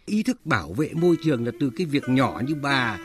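A man's voice: mid-range voice, very animated, brisk, lightly acted. An actor playing an older husband in a radio drama who stammers and then lectures his wife. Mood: reproving. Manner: stammering, reproving. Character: lecturing older husband, calm but exasperated. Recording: music bed under the voice.

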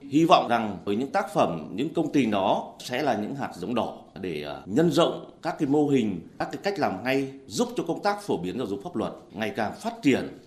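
A man's voice: mid-range voice, big pitch swings, moderate pace, hardly any pauses. Male official in a roomy space. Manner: formal speech with hesitations. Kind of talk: official statement. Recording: roomy interview audio.

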